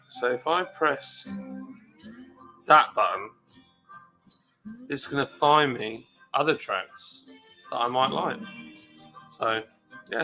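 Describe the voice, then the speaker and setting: A chatty man hosts a late-night live chat, rambling from one thing to the next and reading out viewer comments. His voice is bright and forward. Faint music plays behind him. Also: medium pitch. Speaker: live stream host.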